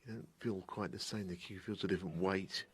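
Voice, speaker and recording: Deep, husky man giving snooker commentary. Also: steady tone, brisk. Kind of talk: hushed, conversational live snooker commentary.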